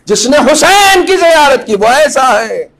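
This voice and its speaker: A cleric delivers an impassioned Muharram majlis sermon in an extremely high, sing-song voice. He chants Arabic phrases slowly, building up to loud cries.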